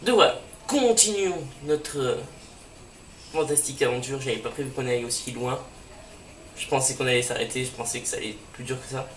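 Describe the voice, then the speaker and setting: A man's voice: medium pitch, a little fast, fairly bright tone. A man chats his way through a game, with plenty of fillers along the way. His voice sounds roomy and distant from the mic, with a faint hiss behind it. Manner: chatty, filler-heavy. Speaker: let's play host. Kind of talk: casual game commentary.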